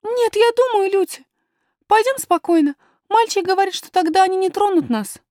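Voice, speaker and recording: In an audiobook character voice, a woman reading a storybook plays a young princess who is frightened but willful, sounding eager and pleading. Her delivery is very high-pitched, above her natural voice, and animated at normal speed, with a darkish tone. The recording is dry and clean, studio quality.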